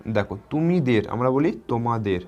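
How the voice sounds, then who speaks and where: A man teaching a grammar lesson to schoolchildren. He asks a question, answers it himself, and repeats words slowly and encouragingly. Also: mid-range voice, animated, a little mellow, lo-fi sound, soft background music. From West Bengal. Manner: encouraging, addresses students directly.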